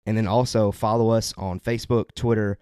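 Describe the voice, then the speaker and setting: A man's voice: on the low side, level tone, brisk, mellow, smooth, no echo, clean studio sound. A man hosting a casual podcast, chatting upbeat with listeners and running through plugs with loose self-corrections. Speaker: podcast host.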